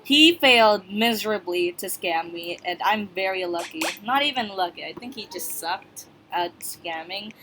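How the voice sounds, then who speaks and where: A woman's voice: medium pitch, expressive, moderate pace, hardly any pauses. Rambling woman gaming host, noisy recording. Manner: rambling and hesitant, many fillers and restarts; chatty, talks straight to viewers. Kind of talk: casual gameplay commentary. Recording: clear background noise with clicks.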